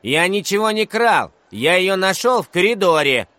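A man's voice: high voice, very animated, moderate pace, pushed and bright, dry recording, pitched above the performer's own voice, full character voice. A man voicing a mean, defiant fourth-grade boy who taunts and drags out his retorts. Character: bratty mean schoolboy, defiant and cheeky.

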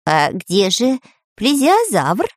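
A woman's voice: mid-range voice, wildly swooping pitch, slow, no echo, heavily acted. A woman voicing a jumpy, nervous male spy in a children's audiobook, startled and questioning.

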